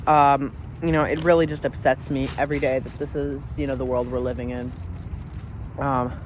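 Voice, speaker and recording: A man's voice: mid-range voice, level tone, normal speed, a little hiss or hum. An American man giving a casual opinion monologue as a vlogger, informal and repetitive, often saying "you know.". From United States.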